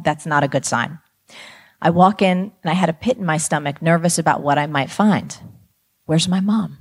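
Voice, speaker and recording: A woman from New Jersey speaks to a room of students. She tells her story in a lively, animated way, her voice sitting a little low for a woman. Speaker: motivational speaker.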